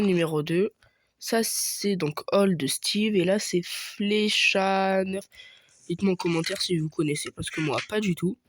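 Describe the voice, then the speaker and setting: A man's voice: high-pitched, no room sound, clean studio sound. A young man giving casual commentary over his own gameplay, thinking aloud with many hesitations and fillers. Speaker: gaming youtuber.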